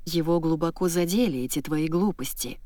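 A woman voicing Bunty, flat and bitter. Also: low-pitched, moderate pace, no echo, natural voice. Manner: flat, colourless, weak but merciless voice. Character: injured young woman, grieving, cold and bitter.

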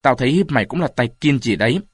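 A man's voice: medium pitch, animated, fast, breathy edge, no echo, studio quality. Man doing a sly one-legged old pirate. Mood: mocking. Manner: coldly mocking.

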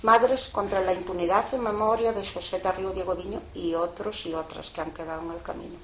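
An older woman being interviewed, telling a story in a casual, lively way with lots of fillers. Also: fairly low pitch, fairly quick. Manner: colloquial, lively retelling with frequent fillers. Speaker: interviewee, mother of a prisoner. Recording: echoey room, faint background noise.

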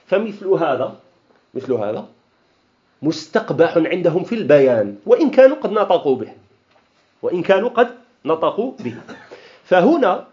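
Algerian male teacher, lively and rather high, quizzes the class and answers himself, mixes classical and dialect, dull lo-fi recording. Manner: asks the class questions and answers them himself. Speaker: Islamic studies teacher. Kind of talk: classroom lecture on Arabic grammar. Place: lecture hall of an association.

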